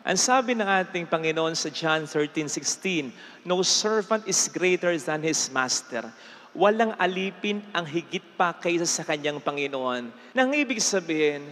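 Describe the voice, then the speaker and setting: Animated Filipino priest in a big church. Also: male voice, a little high, long reverb tail. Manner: mixes English phrases in, slows to stress key lines; animated, gesturing with raised arm. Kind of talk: homily. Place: large church sanctuary before an altar. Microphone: handheld mic.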